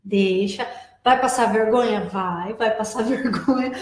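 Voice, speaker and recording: A woman's voice: a little high, a little slow, a loud crowd. A woman guest speaker in a live advice chat, explaining in a patient way and repeating her key phrases. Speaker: guest, preschool operations director. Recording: echoey room.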